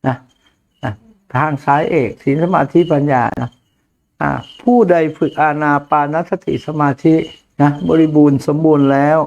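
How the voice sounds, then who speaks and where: A man's voice: fairly high pitch, a little mellow, dull audio. An older man, a Buddhist monk, giving a blunt, earthy dharma talk to a follower, laughing often. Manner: blunt, crude familiar speech, frequent laughter.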